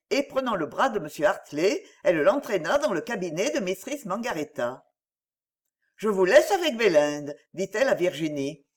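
Woman reading a novel aloud, lively up and down pitch, measured. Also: slightly rough. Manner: expressive, measured narration. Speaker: narrator. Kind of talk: audiobook reading.

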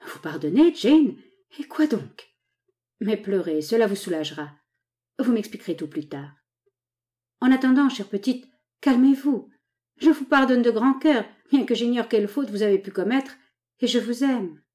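A woman reading aloud, voicing an earnest, protective American gentleman in a reassuring tone. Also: on the high side, lively intonation, moderate pace, natural voice. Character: earnest gallant American man, protective and composed. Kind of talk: audiobook dialogue reading.

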